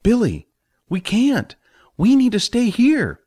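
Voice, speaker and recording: A man voicing an exasperated male adventurer companion who scolds in a high, strained voice. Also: sing-song, moderate pace. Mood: scolding.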